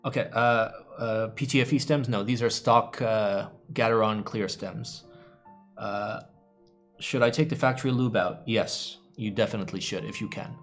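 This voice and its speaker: Speaking at a moderate pace in a lowish voice, a young man from the United States chats with viewers on his keyboard stream while music plays faintly. His talk wanders, full of free swearing and playful groaning.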